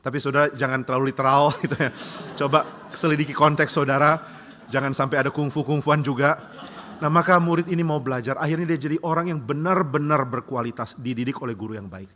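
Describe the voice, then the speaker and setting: A male pastor telling a story in a sermon, animated and humorous, acting out voices, in a reverberant church hall. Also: medium pitch, fairly quick. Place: church sanctuary.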